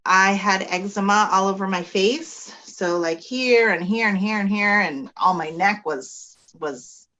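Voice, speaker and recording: A woman naturopathic physician explaining her field in a measured way with frequent ums, speaking from her office. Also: medium pitch, pushed and bright. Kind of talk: explanatory interview talk.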